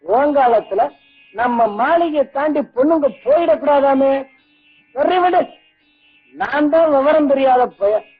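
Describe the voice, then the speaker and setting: A man's voice: very high voice, animated, measured pace, pauses often. An actor playing a young man who bitterly accuses his cruel father with mocking, taunting questions. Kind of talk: 1980s film acting. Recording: tinny old film soundtrack, faint music.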